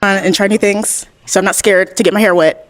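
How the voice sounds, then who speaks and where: Fast-talking upbeat woman in her thirties. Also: mid-range voice, a crowd in the background. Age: 30s. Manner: upbeat, energetic self-promotion. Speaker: dating show contestant.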